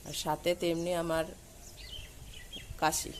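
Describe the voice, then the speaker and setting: Hoarse woman vlogger, lowish voice and wide swings in pitch, cooing at her pets over faint background noise. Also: level tone, slow. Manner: coos and calls out high and loud to her dogs. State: hoarse with a cold and sore throat. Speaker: vlogger filming her dogs. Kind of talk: casual chatty vlog narration. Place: at home and just outdoors in the evening.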